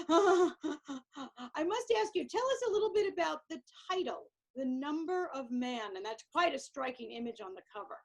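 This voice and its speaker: A woman with a New York accent hosting an interview, enthusiastic and quick to react to her guest. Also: high voice, expressive. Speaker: host. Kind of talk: casual interview talk.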